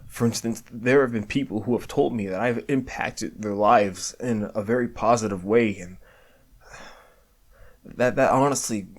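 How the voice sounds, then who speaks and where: A man's voice: on the low side, a little slow. A man giving a candid year-end reflection, stammering and restarting often, swearing casually, earnest and self-deprecating. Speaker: video creator.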